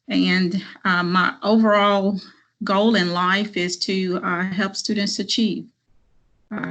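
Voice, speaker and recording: A middle-aged woman from Arkansas, a job candidate giving an earnest, measured introduction with frequent ums on a video call. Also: lowish voice, fairly bright tone, low-quality recording. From Arkansas, USA. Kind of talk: formal video-call interview.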